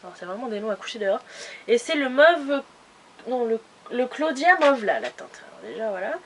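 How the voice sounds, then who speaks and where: Woman beauty vlogger, casual and rambling, slightly high voice, faint noise on the track. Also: very animated, fairly quick. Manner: chatty, rambling, many fillers and restarts. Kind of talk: casual haul video chat.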